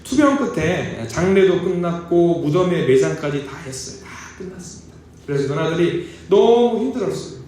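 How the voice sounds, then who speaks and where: Middle-aged man, pastor, animated sermon, rather high voice, booming church echo, mic at a distance. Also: slight background noise. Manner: animated, conversational, asks the congregation questions. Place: church sanctuary. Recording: echoey church hall heard from a distance.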